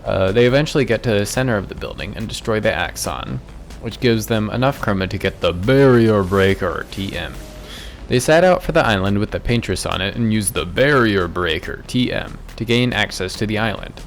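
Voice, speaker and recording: Gravelly-voiced guy recapping a game. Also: lowish voice, lively intonation, moderate pace, soft background music. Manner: joking, offhand, rambling asides. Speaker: gaming YouTuber. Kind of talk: casual game story recap.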